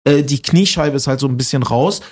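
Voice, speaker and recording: A man's voice: mid-range voice, fairly quick, husky. Chatty man telling stories. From Germany. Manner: animated, laughing storyteller. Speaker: comedian guest. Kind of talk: casual interview chat.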